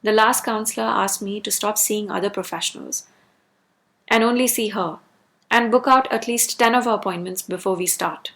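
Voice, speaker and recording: A woman speaks in an ordinary mid-range pitch with a strongly creaky, fried edge. She delivers a personal rant as a video creator. Her phrasing is emphatic, with key words repeated for stress. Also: moderate pace, fairly bright tone.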